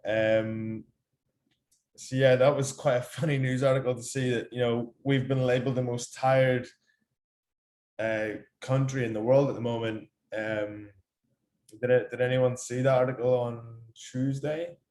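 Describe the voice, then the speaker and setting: A young man with an Irish accent giving a casual, chatty workshop talk, rushing along with lots of ums and restarts. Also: medium pitch, steady tone, darkish tone, roomy sound. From Ireland. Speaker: workshop speaker. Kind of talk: casual presentation on a video call.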